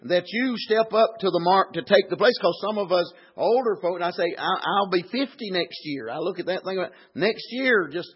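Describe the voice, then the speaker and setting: Husky high-voiced preacher with frequent amens. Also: male voice, lively intonation, moderate pace, few pauses, muffled recording. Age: 40s. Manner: old-time preaching cadence, frequent amens. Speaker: pastor. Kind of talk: sermon.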